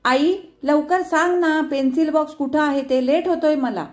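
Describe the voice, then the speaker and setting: A woman's voice: fairly high pitch, darkish tone, voice pushed up, natural voice. A woman voicing a young schoolboy son who calls out in a hurry and pleads for help. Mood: hurried pleading. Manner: hurried, pleading.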